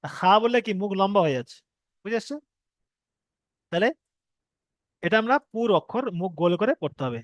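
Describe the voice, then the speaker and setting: Guy teaching arabic letters, fairly high voice, dead dry sound, stretches out the letter sounds slow. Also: lively intonation, no room sound. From Bengal. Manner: patient, repeats each point, asks students if they understood; draws out letter sounds slowly as examples. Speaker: Quran reading teacher. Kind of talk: online Arabic letters lesson.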